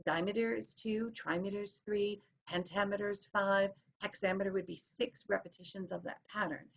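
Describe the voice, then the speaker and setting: A woman's voice: mid-range voice, fairly even intonation, normal speed, gravelly, a little hiss or hum. A woman teacher explaining things in a recorded lesson, sounding out rhythms as she goes. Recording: dull lo-fi recording.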